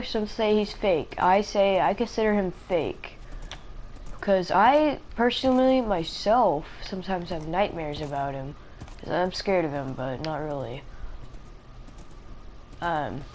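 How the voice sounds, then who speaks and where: Tired woman streamer, slow, low-ish voice, rambling and hesitant, faint noise behind. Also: darkish tone, low-quality recording. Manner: hesitant, rambling, many fillers. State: sleepy and tired. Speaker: live streamer. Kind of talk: casual rambling live-stream chat.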